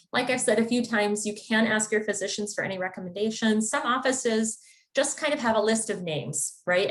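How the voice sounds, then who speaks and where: A woman from the Chicago area, a therapist, giving an informative webinar talk in a conversational, explanatory way. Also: medium pitch. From Chicago area, United States. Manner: conversational and explanatory, with occasional fillers. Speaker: therapist presenting a wellness webinar.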